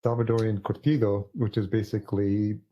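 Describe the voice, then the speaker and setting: A man's voice: fairly low pitch, steady tone, a little fast, dark tone. A male podcast host talking casually and hesitantly, with plenty of fillers. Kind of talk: casual interview chat. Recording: dull lo-fi audio.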